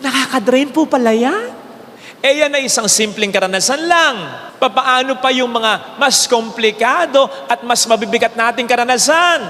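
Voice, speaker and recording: A man with a Filipino accent giving a homily as a priest, telling a story with lively swings between raised exclaims and low, hushed lines. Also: normal speed. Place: large church. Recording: long church reverb with faint ambience.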